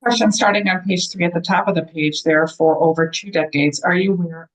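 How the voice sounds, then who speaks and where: A woman reading back a question at a hearing over a remote link, her audio cutting in and out so word endings get clipped, speaking in an apologetic, halting way. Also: on the low side, poor audio. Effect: remote audio cutting in and out, choppy with clipped endings.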